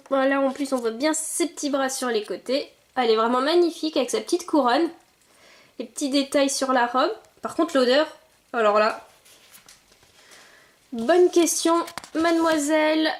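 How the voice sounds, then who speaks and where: A young woman chatting casually as she opens and sniffs collectible figurines, thinking aloud with little exclamations. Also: sits high. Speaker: vlogger unboxing collectible figurines. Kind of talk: casual unboxing commentary.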